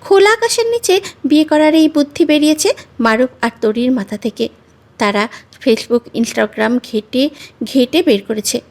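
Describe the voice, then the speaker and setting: A woman storyteller giving expressive, measured narration of a romantic story. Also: sits high.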